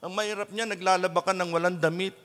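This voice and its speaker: A man with a Filipino accent preaching a sermon as pastor, mixing Tagalog and English and breaking into loud shouted praise. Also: high-pitched, steady tone, quick pace, big-room sound, background noise. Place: church sanctuary.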